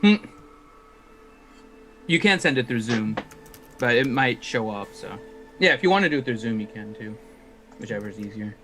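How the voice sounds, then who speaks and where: A man playing a tabletop game and hosting the stream, chatting quickly with laughing asides. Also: medium pitch, expressive, bright, forceful tone, a little hiss or hum. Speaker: player and stream host. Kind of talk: casual chat while playing a tabletop game.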